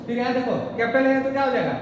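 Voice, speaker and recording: Woman quizzing a class in an echoey hall. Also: sits high. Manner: keeps quizzing students with call-and-response questions; repeats key terms slowly for emphasis. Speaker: biology coaching teacher. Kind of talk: classroom lecture. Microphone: distant mic. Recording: echoey hall recording from far off, noisy.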